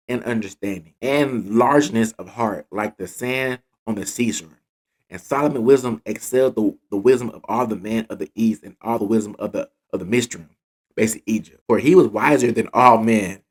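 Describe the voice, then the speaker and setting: A man casually retelling Bible stories and reading scripture, with slang asides and lively delivery. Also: mid-range voice. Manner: animated retelling in slang, acting out quotes. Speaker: Bible teacher.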